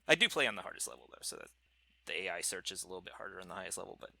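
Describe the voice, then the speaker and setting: Casual podcast co-host, male, lowish voice with a crisp bright edge. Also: sing-song, rapid-fire, no room sound. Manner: rambling, self-correcting gamer talk. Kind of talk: casual chat.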